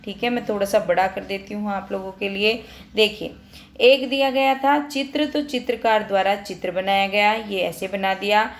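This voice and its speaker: A female teacher talks a class through a worksheet in a steady, mid-range voice. She explains patiently, speaks straight to her students and goes back over each point. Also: mid-range voice, normal speed. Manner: patient, addresses students directly, repeats points.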